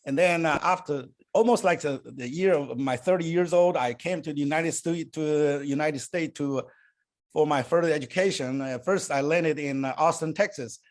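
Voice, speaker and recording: An older man born and raised in Taiwan, whose first language is Chinese, answers interview questions as a guest in second-language English. His fairly high-pitched speech halts often, full of fillers and restarts.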